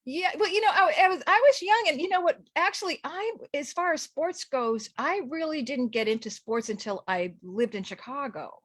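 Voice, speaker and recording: A woman's voice: sits high, expressive, normal speed, hardly any pauses, fairly bright tone, no room sound. A middle-aged woman from Los Angeles, talking casually as a guest in a radio interview, chatty with many restarts and fillers.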